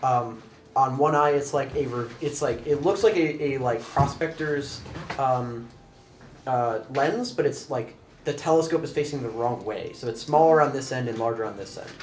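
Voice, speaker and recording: A man running a tabletop game as game master, describing things off the cuff and thinking aloud haltingly. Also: mid-range voice, darkish tone, distant mic, slight background noise. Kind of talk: unscripted tabletop game narration. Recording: echoey room, off mic, music behind.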